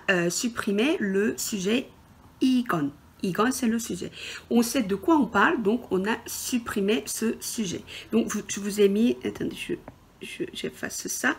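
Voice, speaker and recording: A woman teaching a beginner language lesson over slides, explaining patiently and slowly, with fillers and self-corrections. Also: mid-range voice, breathy edge. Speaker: Korean teacher. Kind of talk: screen-recorded language lesson.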